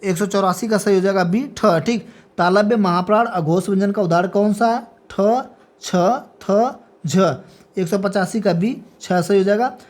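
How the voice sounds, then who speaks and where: A woman's voice: mid-range voice, measured pace, darkish tone. A woman teacher reading multiple-choice exam questions and their options aloud, then confirming each answer with a brief check. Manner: repeats a checking "ठीक है" after each answer. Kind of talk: exam practice lecture.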